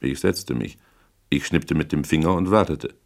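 Male narrator with a deep, low voice for a hardboiled audiobook; dry, laconic first-person telling. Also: moderate pace, vocal fry. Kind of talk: audiobook reading of a hardboiled novel.

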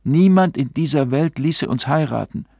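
A man's voice: a little high, moderate pace, gravelly, warm tone, slightly rough, dry recording, studio quality, pitched above the performer's own voice. A man reading a story, voicing a young noblewoman who pleads earnestly with her lover. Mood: pleading. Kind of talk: audiobook character reading.

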